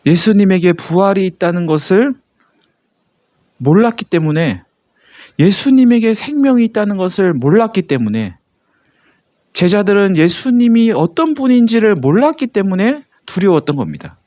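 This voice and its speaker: A man's voice: high voice, big pitch swings, moderate pace, dark tone, no echo, highs cut off. A man, a pastor, preaching a sermon in a conversational way, with many rhetorical questions to the congregation.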